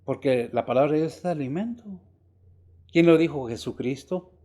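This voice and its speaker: Older male preacher, dark mellow tone. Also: a little high, normal speed. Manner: rhetorical questions, emphatic rises and quiet drops. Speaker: pastor. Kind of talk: sermon.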